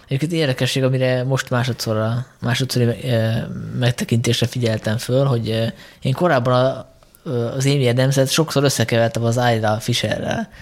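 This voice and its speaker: A man hosting a film podcast, speaking in a measured way with frequent filler sounds. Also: medium pitch, steady tone. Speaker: podcast host. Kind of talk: casual film discussion.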